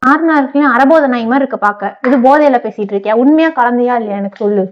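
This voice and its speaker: A woman's voice: fairly high pitch, racing, dull audio, slight background noise. A woman with a Tamil accent, pleading frantically and tearfully with her husband in a casual couple vlog. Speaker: wife in a prank vlog.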